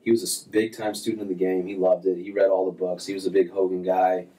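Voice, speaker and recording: A fast-talking golf instructor in his thirties with a low-pitched voice is a guest in a casual interview chat, relaxed and rambling with many fillers and restarts. The setting is a small office with framed diplomas, and he's recorded from a distance with poor audio.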